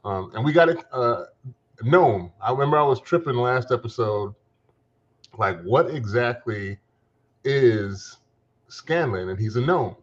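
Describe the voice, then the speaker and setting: A man's voice: medium pitch, expressive, unhurried, long pauses, muffled recording. A man co-hosting a podcast, chatting casually and thinking aloud with many fillers. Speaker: podcast co-host. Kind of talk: casual chat.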